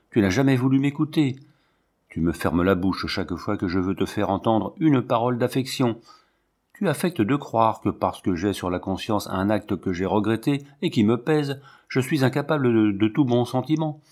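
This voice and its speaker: A jealous, obsessive young villain from a storybook, pressing his point with low, intense insistence, as a male reader does him. The voice is deep and steady. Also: moderate pace, natural voice.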